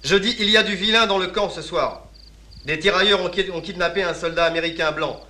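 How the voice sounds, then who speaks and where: An anxious, officious lieutenant; bright, slightly raised voice. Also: male voice, sits high, a little fast. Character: nervous male colonial lieutenant, easily flustered. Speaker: army lieutenant. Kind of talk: film drama acting.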